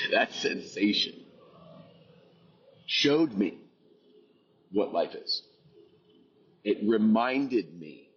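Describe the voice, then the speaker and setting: A man's voice: low voice, a bit bright, dull audio. A man earnestly recounting a personal experience, intense and reflective, repeating phrases for emphasis.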